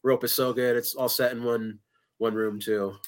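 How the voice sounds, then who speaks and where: A man with a medium-pitched voice talks as a guest filmmaker. He is casual and enthusiastic, pausing hesitantly as he goes. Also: little pitch movement. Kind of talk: casual interview chat.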